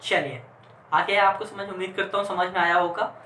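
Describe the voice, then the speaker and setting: A man explains bookkeeping entries step by step, pausing often to check that his students understand. He switches into English for the technical terms. The room gives his voice a noticeable echo, and a soft hum of ambient noise sits underneath. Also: high voice, steady tone. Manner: keeps checking that students follow along. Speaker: accountancy teacher. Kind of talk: online class lecture.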